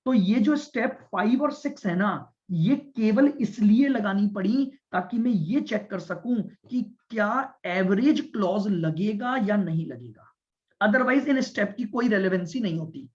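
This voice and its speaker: Male lecturer with a fairly high voice, deliberate classroom explainer who keeps checking understanding; dull lo-fi recording. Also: animated. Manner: explains step by step, repeats points and checks understanding with students; speaks deliberately and stresses listening. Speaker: commerce teacher. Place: classroom with students.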